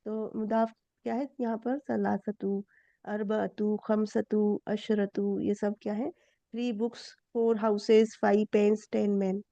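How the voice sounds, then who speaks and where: A woman's voice: little pitch movement, takes it slowly, gravelly, warm tone, dry recording. A woman teaching grammar in an online class, explaining step by step and quizzing her students. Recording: dull low-fi dry sound.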